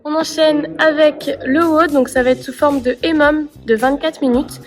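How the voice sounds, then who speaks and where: A woman clearly explaining workout exercises step by step as a coach. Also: sits high, steady tone, moderate pace, soft background music. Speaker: CrossFit coach. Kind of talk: workout instruction.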